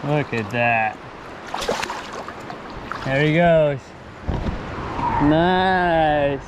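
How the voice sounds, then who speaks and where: Man, high voice, unhurried, enthusiastic outdoor commentary, loud stream water behind, action-camera sound. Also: lively intonation, muffled recording, noisy background. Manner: enthusiastic, keeps calling out to viewers. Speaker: fishing vlogger. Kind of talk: excited on-the-spot commentary. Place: outdoors by a river under a bridge. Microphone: head-mounted action camera. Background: rushing stream water.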